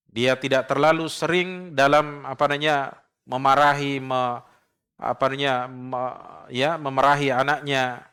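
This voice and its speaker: A male preacher giving a measured religious study lecture, punctuating his points with affirming tags. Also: medium pitch, fairly bright tone, clear, resonant tone. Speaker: Islamic preacher. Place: prayer room.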